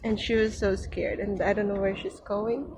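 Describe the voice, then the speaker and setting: A woman's voice: mid-range voice, level tone, moderate pace, noisy background. A young adult woman with a Filipino accent, vlogging casually outdoors in a garden and talking fondly to her cat, recorded on a handheld phone. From Philippines. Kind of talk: casual vlog narration.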